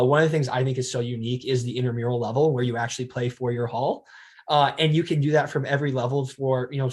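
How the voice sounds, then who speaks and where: A young man student on a panel, talking in a relaxed, easygoing way. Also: medium pitch. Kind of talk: casual panel chat.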